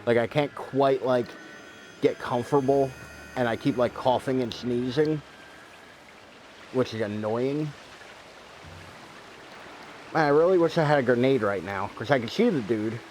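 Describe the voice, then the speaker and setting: A man's voice: mid-range voice, unhurried, pauses often, darkish tone, slight background noise. A man streaming a game, chatting casually with a sore throat from a cold, rambling and swearing. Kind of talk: casual gameplay commentary.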